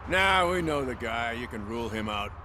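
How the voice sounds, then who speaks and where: A man's voice: mid-range voice, expressive, moderate pace, sharp tone, slight background noise. A man playing a world-weary, matter-of-fact police officer with a wry manner in a video game.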